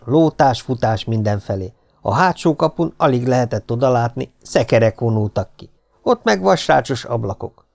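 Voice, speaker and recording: Male audiobook narrator, lively expressive delivery, middle pitch. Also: creaky.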